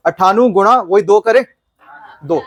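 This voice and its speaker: A man's voice: high voice, a little slow, faint music behind. A man teaching a maths session to a class of youths, playful and quizzing the students often. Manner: playful, quizzing the class, mixing Hindi and English.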